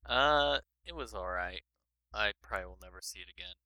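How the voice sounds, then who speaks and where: A lower-voiced man talks hesitantly, with shrugging phrases and lots of fillers. His tone is very bright. The sound is dry and close. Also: animated, a little fast, no echo, low-quality recording. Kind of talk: casual movie review chat.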